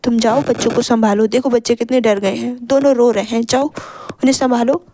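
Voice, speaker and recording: A woman's voice: steady tone, brisk, mellow, slight background noise, lightly acted. A woman voicing a frightened father at the wheel, stammering and frantic as he speaks. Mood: forcing calm. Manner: stammering, frantic, rising pitch. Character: panicking father driving a runaway car.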